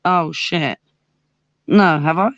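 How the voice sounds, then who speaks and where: A woman's voice: low voice, takes it slowly, muffled recording. A woman talking as a guest on a live stream, her voice doubled by an echo from a second open device and a little flustered. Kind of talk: casual group chat on a live stream.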